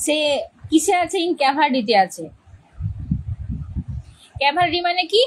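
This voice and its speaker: A woman's voice: high-pitched, animated, a little slow, low-quality recording. A woman English teacher explaining a play's characters to students, repeating key words and often checking that they understand.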